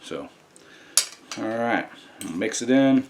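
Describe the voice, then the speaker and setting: A man's voice: medium pitch, expressive, takes it slowly. Folksy American man over kitchen noise. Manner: folksy, addresses viewers as y'all. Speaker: home cooking vlog host. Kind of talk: casual cooking demonstration to viewers. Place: indoor home kitchen. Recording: clear background noise, kitchen ambience.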